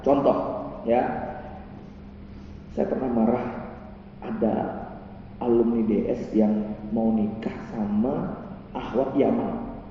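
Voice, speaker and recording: A male preacher gives a lively pre-marriage lecture and acts out the voices in his stories. He is recorded from a distance in a big hall with long, heavy reverb. The sound is dull and muffled, with a faint room hum behind him. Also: medium pitch, slow, pauses often. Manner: animated storytelling, acting out quoted voices.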